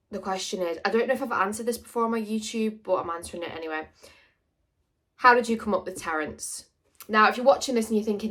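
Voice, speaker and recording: A woman's voice: mid-range voice, a bit bright. A young woman chatting casually to camera in a rambling, jokey Q&A. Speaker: vlogger.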